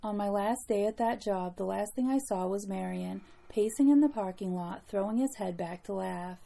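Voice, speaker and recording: A woman narrating a scripted spooky story as a horror host, in a measured, deliberate storytelling manner. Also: mid-range voice, creaky, warm tone.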